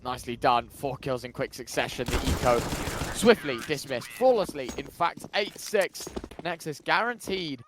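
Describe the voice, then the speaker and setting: A man's voice: mid-range voice, moderate pace. A man working as an esports caster, commentating on a shooter match. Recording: gunfire and game noise behind. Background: video game gunshots and clicks.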